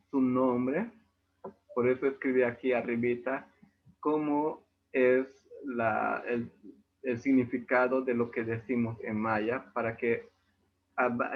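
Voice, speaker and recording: Yucatecan guy teaching a class online, slow and patient, tinny call audio. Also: medium pitch. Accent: Yucatecan Spanish. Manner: patient, explanatory. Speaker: language teacher. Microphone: video call.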